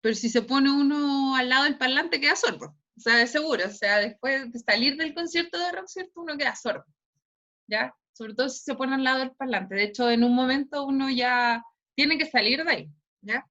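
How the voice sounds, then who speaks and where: A woman's voice: high voice, moderate pace, sharp tone. A woman teacher with a Chilean Spanish accent lecturing an online class, ending nearly every phrase with a questioning tag. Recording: dull lo-fi online class audio.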